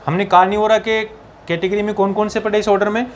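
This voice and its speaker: Speaking in a high pitch with a flat delivery and slight background noise, a man preps students for an entrance exam in biology. His lecture mixes Hindi and English; he dictates English textbook lines slowly and keeps asking "ठीक है ना."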